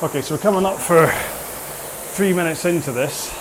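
A man's voice: a little high, moderate pace, background noise. A man coaching a follow-along workout while exercising on a rowing machine, speaking in short phrases broken by effort.

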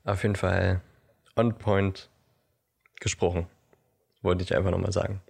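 Guy with a lowish gravelly voice, podcast co-host just chatting about books and movies. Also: flat delivery, unhurried, darkish tone. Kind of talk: casual podcast chat about books and films.

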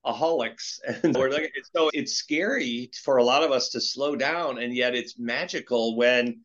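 A man's voice: mid-range voice, unhurried, fairly bright tone, highs cut off. A man in his late fifties, a guest entrepreneur, talking in a casual interview in an earnest, rambling way and telling stories with animation. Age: 50s.

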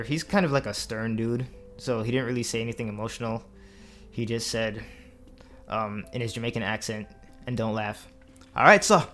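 A young man recounting his own story in a relaxed, chatty interview. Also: medium pitch. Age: young adult. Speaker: interview guest. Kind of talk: casual interview.

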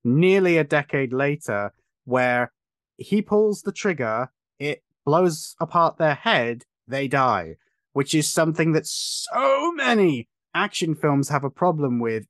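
A man's voice: fairly high pitch, fairly bright tone, dry recording. Opinionated male podcast host, dry sound. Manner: long, emphatic, opinionated explanations. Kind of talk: casual podcast chat.

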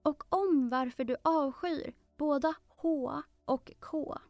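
A woman's voice: high-pitched, a little mellow, no room sound, faint music behind, pitched above the performer's own voice. A woman voicing Alice, a curious, polite young girl who talks earnestly and eagerly in a storybook.

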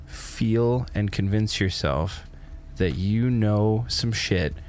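A man with a fairly low voice talks as a podcast co-host. His delivery is casual and blunt, with plenty of swearing, as in loose conversation. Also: animated, slow, a little mellow. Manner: blunt, profane. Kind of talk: casual chat.

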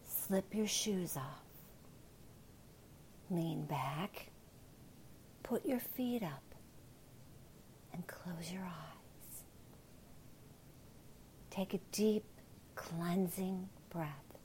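A woman leads a guided relaxation in a hushed ASMR whisper. Her delivery is very slow and drawn out, and her voice sits low and mellow. Faint background noise lies under her voice. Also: low-quality recording. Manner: soft whispering, unhurried and soothing.

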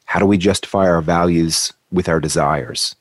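A man's voice: low voice, steady tone, normal speed, no room sound, studio quality. A man interviewing a guest in a reflective, conversational way, sometimes quoting passages.

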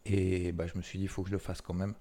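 A man's voice: low voice, flat delivery, quick pace, dark tone. A man giving casual, chatty market commentary as host of a weekly recap, with many fillers and restarts. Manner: chatty, loose, with many fillers and repeated words.

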